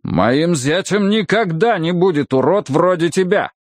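A man voicing an indignant, gray-haired gentleman in his fifties in an audiobook, lifting his voice higher in outrage. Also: expressive, a little slow, no echo. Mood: outraged. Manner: raised, outraged pitch.

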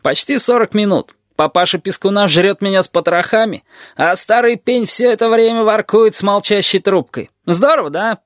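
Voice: mid-range voice, moderate pace, a bit bright, no room sound, studio quality, voice pushed up, lightly acted. A reader voicing a gloomy, sardonic male teacher nicknamed the lizard, who complains with growing heat, in an audiobook. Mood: grumbling. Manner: grumbling, increasingly heated. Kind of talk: audiobook character voice.

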